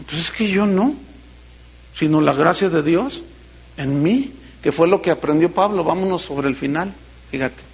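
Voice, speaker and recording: A middle-aged man, a pastor preaching a sermon in an animated way, acting out quoted voices and dropping suddenly soft. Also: a little high, unhurried, creaky.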